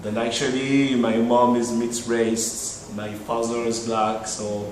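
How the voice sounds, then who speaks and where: A man's voice: mid-range voice, level tone, takes it slowly, a little mellow. A man answering interview questions in a loose, rambling way with many fillers. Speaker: interviewee, musician. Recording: roomy echo, distant mic, faint noise.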